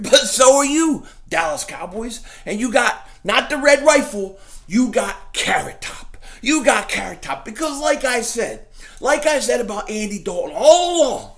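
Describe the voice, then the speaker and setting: A man ranting casually about football as a fan vlogger, trash-talking excitably and repeating his punchlines. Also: very high-pitched. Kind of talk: casual sports rant.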